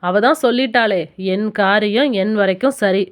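A woman voicing an angry middle-aged orthodox man in an audiobook, loud, sharp and scolding. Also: medium pitch, normal speed, close to an everyday voice. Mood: shouting, furious. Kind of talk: audiobook character voice.

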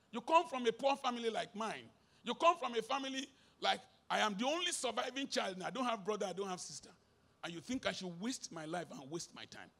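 Fiery high-pitched Nigerian preacher. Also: male voice, gravelly. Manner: swings from shouting to low mutters, mixes in pidgin. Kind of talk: sermon. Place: live concert stage.

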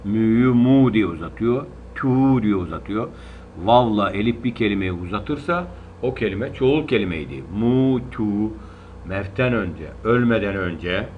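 A man's voice: lowish voice, animated, moderate pace. A man with a Turkish accent teaching Quran reading, patiently drawing out syllables and drilling them again and again. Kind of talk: slow spelling-out lesson. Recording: dull lo-fi recording with faint hiss.

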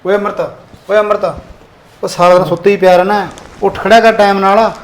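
A man's voice: high voice, level tone, fast, natural voice. A man playing an impatient village farmer father with a Punjabi accent, scolding his son. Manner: scolding, nagging. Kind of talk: village drama acting.

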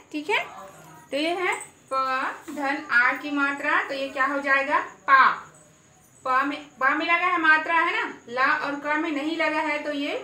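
Female teacher at a blackboard, high and bright, slow and repetitive, echoey room, distant mic. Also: a little hiss or hum. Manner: slow, repeating words and asking questions. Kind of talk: online lesson at a blackboard.

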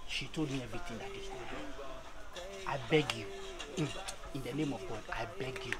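A man acting an excitable, pleading houseboy in a comedy skit. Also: medium pitch. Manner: pleading, excitable, fast-changing.

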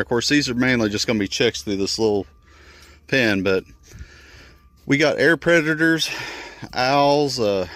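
A man's voice: mid-range voice, fairly bright tone, dry recording. A man in his thirties, plain-spoken and folksy, talking casually while building a chicken run outdoors and filming on a handheld phone. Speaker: homesteader showing a build. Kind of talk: casual how-to vlog. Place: outdoors in wooded yard by chicken coop. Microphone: handheld phone camera.

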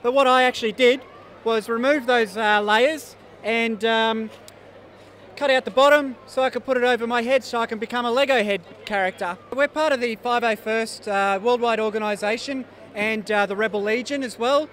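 A man's voice: extremely high pitch, fairly even intonation, moderate pace, a bit bright. A man in costume at an expo, answering interview questions in a friendly, hesitant way. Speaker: costumed exhibitor. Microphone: handheld mic.

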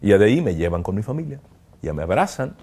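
Priest, man, deep and mellow, earnest halting interview testimony. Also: very animated, slightly rough. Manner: earnest, halting, reflective, with frequent "¿no?". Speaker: priest, kidnapping survivor interviewee.

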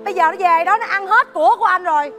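A woman's voice: very high voice, very fast. A woman playing a resentful wife scolding her husband in a stage comedy sketch, reproachful and indignant. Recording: live stage mic with music behind.

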